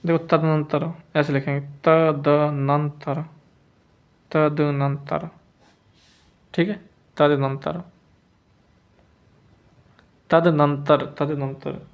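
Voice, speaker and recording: Male teacher, slightly high-pitched, patient, slowly repeats words, muffled lo-fi recording. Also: level tone. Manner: repeats each word slowly, stretching syllables; checks in often with the listener. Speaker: Hindi spelling teacher. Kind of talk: slow spelling lesson.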